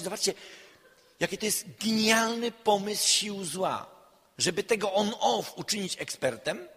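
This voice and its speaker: Man lecturing emphatically, bright forceful tone, husky edge, long hall echo. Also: sits high. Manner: emphatic, with sharp swings between loud and quiet. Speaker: counselor giving a lecture. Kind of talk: public lecture.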